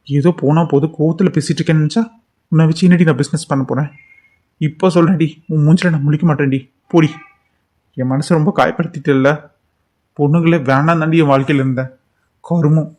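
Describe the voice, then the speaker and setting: A man plays a heartbroken young man in a cartoon drama, with a slightly high voice. He speaks with hurt reproach, and he sinks into grief when he opens up to a friend. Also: a little mellow, close to an everyday voice. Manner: hurt, reproachful then grieving.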